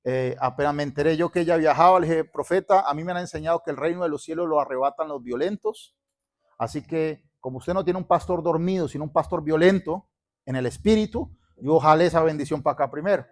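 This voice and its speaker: The pastor, a man from Colombia, talks at a quick pace in a fairly high pitch. He preaches with fervor in the sanctuary, calls on worshippers to repeat his words, and gives church announcements alongside the sermon.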